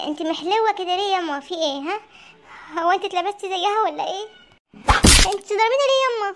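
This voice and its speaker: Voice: very high voice, fast talker. A voice actor playing a frightened young husband in a comic cartoon, with an Egyptian accent and a whiny, panicky manner. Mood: bewildered. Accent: Egyptian Arabic.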